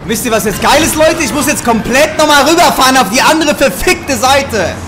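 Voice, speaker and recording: A man's voice: very high-pitched, lively intonation, fairly quick, heavy background noise. A man in his twenties giving casual, slangy let's play commentary with cursing, close to a desk microphone. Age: 20s. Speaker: gaming streamer. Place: small indoor room. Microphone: close desk microphone, headset worn.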